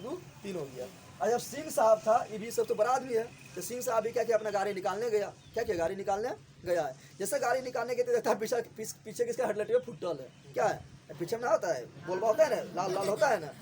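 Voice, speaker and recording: A man, teaching a story chapter to a class, often asking a quick question and answering it himself. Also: very high voice, a little mellow, slight background noise.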